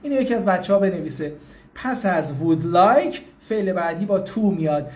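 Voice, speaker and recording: A man teaching English in a live online lesson. He reads out viewers' names, explains patiently and informally, and repeats English phrases slowly. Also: high-pitched, expressive.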